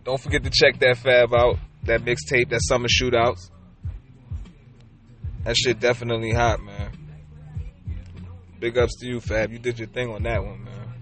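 A man hosting a casual late-night chat, easygoing and full of slang and shout-outs. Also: mid-range voice, flat delivery, normal speed, long pauses. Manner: laid-back, agreeable, lots of slang and shout-outs. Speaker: podcast host. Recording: faint music in background.

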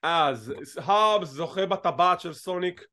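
Man, high voice, podcast co-host, casual chat, animated, teasing. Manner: animated, teasing, drops English phrases.

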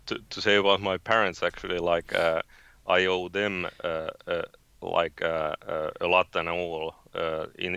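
Deep, smooth Finnish-accented man. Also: bright, forceful tone, no echo, lo-fi sound. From Finland. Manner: halting, many fillers and restarts. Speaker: guest, space company founder. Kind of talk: interview conversation.

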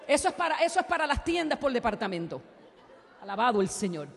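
A woman preacher delivering an impassioned sermon, moving between soft storytelling and loud exhortation. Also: on the high side, sing-song, quick pace, creaky, a faint crowd. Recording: long hall reverb.

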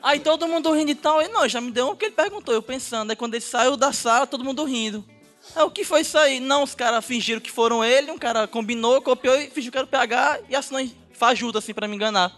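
A young man tells a story in a casual podcast chat. His voice sits very high and the words come out fast. He sounds nervous and laughs as he goes, and faint music plays behind him. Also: a bit bright. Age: young adult. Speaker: guest sharing a story.

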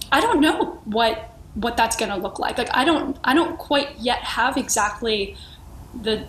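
A woman's voice: on the high side, a bit bright. A woman podcast guest talking earnestly and reflectively, searching for words and restarting often. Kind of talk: reflective conversational sharing. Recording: echoey room with faint noise.

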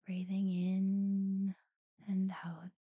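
A woman guiding a sleep meditation in a soft, breathy near-whisper, soothing and unhurried, with long pauses between short phrases. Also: mid-range voice, completely flat delivery, no room sound, lo-fi sound. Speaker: guided relaxation narrator. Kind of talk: guided sleep meditation talkdown.

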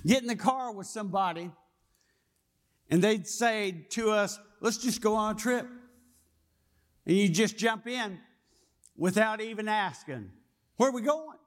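Male pastor, fairly high voice, slow folksy sermon delivery. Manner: folksy storytelling, asks the congregation questions.

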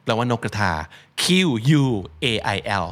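A man's voice: slow, a bit bright. A man hosting a casual vocabulary podcast, explaining words in a chatty way and spelling them out letter by letter. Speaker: podcast host.

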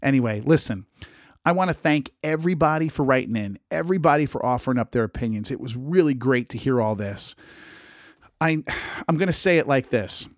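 A man with a strained, struggling voice, talking casually and a bit haltingly as he hosts a solo podcast. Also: mid-range voice, expressive, no echo, clean studio sound. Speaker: podcast host and radio DJ.

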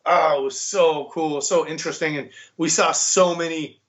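An American man telling a story in a casual chat, animated and laughing, swearing and saying "bro" a lot. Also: a little high, normal speed, highs cut off. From United States.

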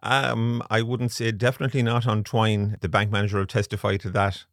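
A man's voice: on the low side, level tone, fairly quick, dry recording, studio quality. A man from Galway with a west of Ireland accent, chatting casually as a podcast guest who manages a racing syndicate. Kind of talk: casual interview chat.

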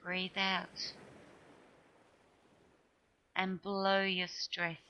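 A woman narrating a guided relaxation meditation in a soothing way, with short phrases and long pauses. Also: mid-range voice, monotone, sharp tone, slight background noise. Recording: music behind the voice. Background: music.

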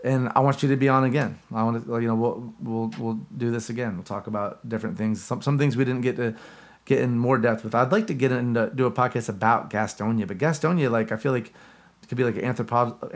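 Male podcast host, rapid and rambling, casual delivery over a video call. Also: mid-range voice. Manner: rambling, loose and chatty. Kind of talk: casual chat.

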